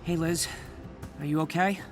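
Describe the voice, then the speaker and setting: A man's voice: fairly high pitch, steady tone, normal speed, over music, close to an everyday voice. A man voicing a young, quippy and earnest superhero for a video game. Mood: warm concern. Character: young wisecracking masked superhero, earnest and eager.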